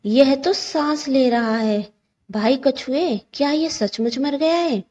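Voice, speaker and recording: A woman's voice: high-pitched, expressive, unhurried, warm tone. A woman voicing a clever, wary male jackal in a storybook lesson, who mutters cautiously to himself and questions the others. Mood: suspicious.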